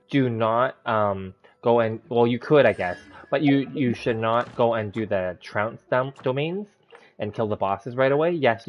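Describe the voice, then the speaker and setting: A man chatting casually as he hosts a gameplay livestream, rambling through each step, with a slight lisp as if he just bit his tongue. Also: medium pitch. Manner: rambling step-by-step self-narration. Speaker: live-streaming game host. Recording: dull, lo-fi sound, background music. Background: music.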